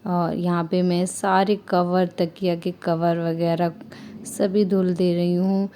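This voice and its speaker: A young mother from India talks through her daily chores in a calm, even voice-over. Her tone is mellow and low, with little rise and fall. She explains each step steadily and circles back to the same points. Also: takes it slowly, a little hiss or hum. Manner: steady, explanatory, repeats herself often. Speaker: vlogger mother. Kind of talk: calm voice-over narration of a home routine.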